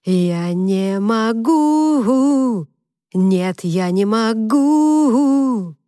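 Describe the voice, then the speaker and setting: A woman voicing a cocky, playful young male student who half-sings, half-shouts a rock chant. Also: lowish voice, normal speed, no echo, studio quality, natural voice. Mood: playful singing.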